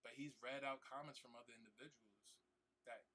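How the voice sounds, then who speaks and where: A man's voice: mid-range voice, steady tone, fairly quick, pushed and bright, husky. A man streaming a game who talks earnestly and emotionally to his viewers, repeating himself, using casual slang and swearing, and trying not to cry. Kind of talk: heartfelt talk to stream viewers.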